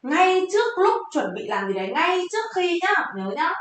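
Lively high-voiced woman teaching vocabulary. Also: moderate pace. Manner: lively, quizzing viewers with questions. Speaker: Japanese teacher. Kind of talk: vocabulary exam lesson. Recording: very echoey room.

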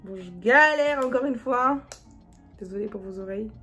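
A woman's voice: a little high, moderate pace, sharp tone, faint music behind. A young woman with a Marseille accent chatting casually through a makeup review, slangy and laughing, dropping into murmurs as she applies products. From France. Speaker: beauty vlogger.

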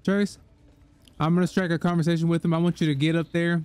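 A man's voice: on the high side, little pitch movement, fast talker, a little mellow, clean tone. A young man bantering casually during a co-op game, bossy and teasing, full of slang. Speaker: gamer in co-op let's play.

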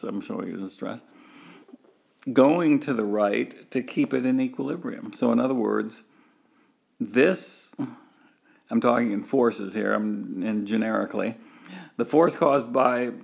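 Male lecturer, unhurried delivery, gravelly husky tone, talks through diagrams with fillers. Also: medium pitch. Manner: thinks aloud with many fillers and restarts, walking through a diagram. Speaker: engineering lecturer. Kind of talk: recorded university lecture.

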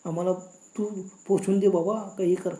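A woman's voice: lowish voice, steady tone, moderate pace, mellow, echoey room, close to an everyday voice. A woman voicing a scared, pleading husband in a horror story.

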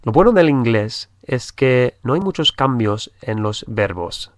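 A man's voice: mid-range voice, lively intonation, measured pace, dry recording. A man teaching a language lesson, patiently repeating each phrase and spelling out letters. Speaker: English teacher. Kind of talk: slow spoken language lesson.

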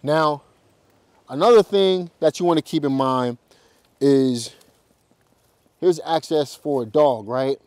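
Slow and prone to long pauses, a real estate investor talks casually to camera in a walk-through vlog, with frequent fillers and restarts. He's outdoors at a house, then in a car. His fairly high voice is a little mellow, and the recording is dry.

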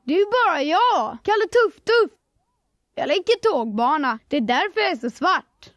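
A man's voice: extremely high pitch, big pitch swings, a bit bright, no echo, clean studio sound, pitched above the performer's own voice, exaggerated voice. A man voicing a friendly old male toy steam train in a children's story, jolly and playful.

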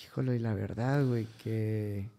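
A man's voice: fairly low pitch, steady tone, normal speed, creaky, warm tone. A young man with a Mexican accent, a guest talking casually and crudely, full of slang fillers. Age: young adult. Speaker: guest musician. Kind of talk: casual interview chat.

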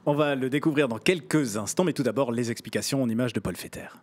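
A man's voice: medium pitch, fast. A man in his thirties with a Swiss French accent, hosting a TV talk show and prompting his guests, into a handheld mic. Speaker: TV host. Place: TV studio in a stone cellar.

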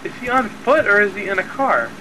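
Chatting and spinning stories while he plays, a man keeps a wry, mock-exasperated tone, his high, sing-song voice running a little fast. The rough recording carries crowd noise and clear engine noise from a game vehicle.

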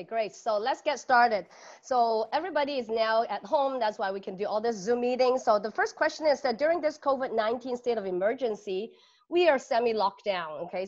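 A woman hosts an online panel in a loose, chatty way, with casual fillers. Her voice sits a little high. The sound is dull and lo-fi, as over a video call. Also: a little mellow. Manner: chatty, informal, with laughs. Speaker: host.

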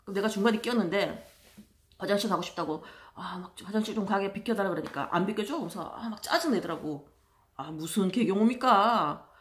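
A woman's voice: mid-range voice, animated, fast talker. Chatty exasperated Korean-speaking woman. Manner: chatty, exasperated, acts out other passengers in loud voices. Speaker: vlogger. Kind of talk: casual storytelling monologue.

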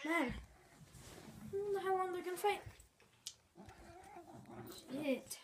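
A woman giving excitable mock play-by-play commentary, swinging from low mutters to sudden yelps, filmed at home in a bedroom. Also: takes it slowly, slight background noise. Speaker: channel host filming pets. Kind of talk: mock sports commentary on a cat fight.

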